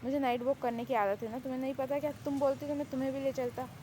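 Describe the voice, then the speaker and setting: A woman voicing a possessive male vampire king who teases and threatens in a low, soft voice. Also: flat delivery, quick pace, a little hiss or hum, natural voice. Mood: teasing. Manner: teasing, calls her baby, low threats. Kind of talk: Hindi fan-fiction audio story.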